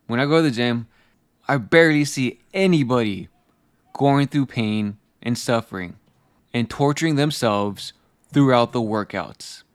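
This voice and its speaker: A man delivering a motivational speech as a speaker, blunt and forceful, hammering out short emphatic phrases. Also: mid-range voice, no room sound, clean studio sound.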